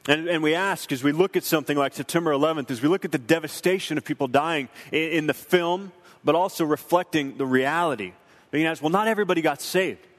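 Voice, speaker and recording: Man, young adult, earnest preacherly film commentary, slightly raised pitch, echoing hall. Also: fairly quick. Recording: long hall reverb.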